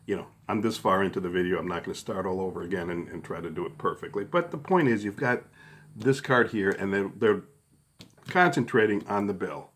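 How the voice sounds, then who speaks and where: A middle-aged man with a fairly low voice gives informal step-by-step instructions. He sounds conversational and unscripted, often checking that the listener follows as he demonstrates. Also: animated, brisk, fairly bright tone, husky. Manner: casual, conversational, often checks in with "okay" and "all right". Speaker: card trick instructor.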